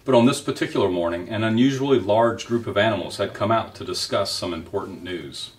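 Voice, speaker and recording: Man reading aloud, very low voice, gentle storyteller, distant mic. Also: a little fast. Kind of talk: reading a children's novel aloud.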